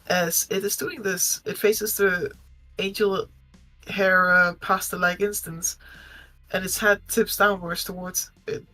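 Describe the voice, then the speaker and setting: A woman reading a fictional case file aloud, plain and steady with the odd small hesitation. Her tone is bright and forward, with faint music in the background. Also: mid-range voice, takes it slowly, poor audio. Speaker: co-reader. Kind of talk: live reading of a fictional document.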